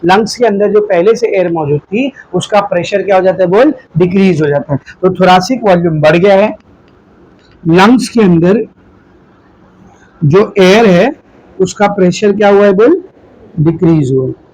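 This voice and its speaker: A man's voice: high-pitched, normal speed, a little mellow, rough recording. A male biology teacher giving a classroom lecture in a mix, asking questions and having the class answer back. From India. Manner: drills students with call-and-response questions.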